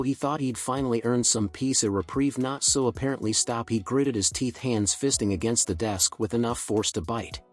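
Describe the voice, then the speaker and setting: A man narrating a fan fiction story in a steady storytelling manner. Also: mid-range voice.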